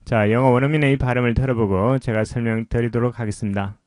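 A man teaching English pronunciation, explaining slowly and patiently in a lesson voice-over. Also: medium pitch, steady tone, darkish tone, no room sound, clean studio sound.

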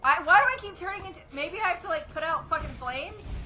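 A woman's voice: very high voice, fast, bright, forceful tone, soft background music. A woman playing a video game with her sister, teasing, swearing and giggling. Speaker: co-player, sister. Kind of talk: casual gameplay commentary.

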